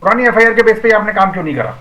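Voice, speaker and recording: Male TV debate panelist, rapid insistent delivery, slightly high voice. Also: lively intonation, pushed and bright, rough recording. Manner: fast, insistent, argumentative. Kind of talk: heated TV debate.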